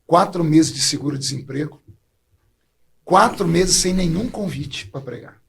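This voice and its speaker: Gravelly guy preacher from brazil, husky rough voice, emotional testimony, a bit higher pitched. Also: animated, measured pace, a bit bright, slight background noise. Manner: heartfelt storytelling, voice catching with emotion.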